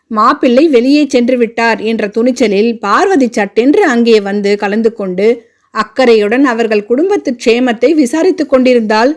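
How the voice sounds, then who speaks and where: A woman narrating a family novel aloud as an audiobook reader, in steady, measured storytelling. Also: fairly high pitch.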